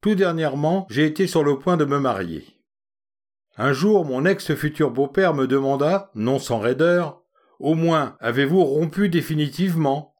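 A man's voice: fairly high pitch, animated, unhurried. A man reading a humorous short story aloud in a dry, wry storytelling manner. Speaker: narrator.

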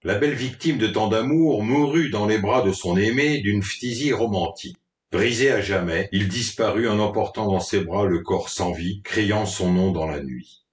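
Low-voiced man reading a melodramatic story. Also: normal speed. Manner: dramatic, mock-melodramatic reading. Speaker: narrator. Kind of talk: storybook narration. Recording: roomy, distant from the mic.

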